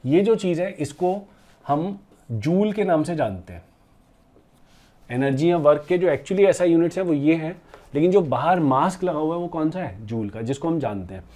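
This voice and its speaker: A man's voice: fairly high pitch, lively intonation, moderate pace, mellow. A man giving a physics lesson at a board, explaining step by step, often asking his students questions and calling them fondly by pet words, with mixed into his speech. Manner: calls students "beta" and "bachche" fondly; mixes English terms into his speech. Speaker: physics teacher. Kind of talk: classroom lecture at a board.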